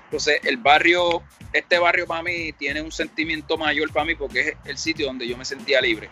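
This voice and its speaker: A middle-aged Puerto Rican man with a Puerto Rican Spanish accent speaks at a moderate pace in a fairly high, pushed, bright voice with fairly even intonation. He's a rapper telling his story in a casual interview, rambling and reflective, acting out the dialogue he quotes, with faint music in the background.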